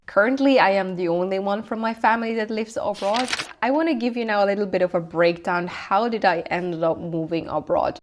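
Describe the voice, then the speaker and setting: A young Swiss lifestyle vlogger with a Swiss German accent gives a scripted introduction of herself. Her medium-pitched voice is calm, gentle, and reflective, and her phrasing is slightly non-native.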